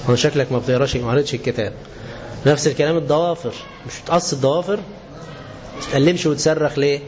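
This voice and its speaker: An Egyptian man teaching a religious lesson in a somewhat high voice, quizzing his class and answering himself. He slows right down to stress each quoted verse. The recording is dull and lo-fi, with a faint hiss behind him. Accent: Egyptian Arabic. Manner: lively, asks the class questions and answers them. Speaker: sheikh giving a religious lesson.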